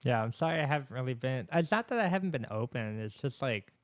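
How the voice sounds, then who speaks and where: A man's voice: medium pitch, animated, fast talker, no room sound. A man with a lisp hosting a casual podcast chat, earnest and rambling, with lots of fillers. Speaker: podcast host. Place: podcast set with camera and microphones. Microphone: studio microphone.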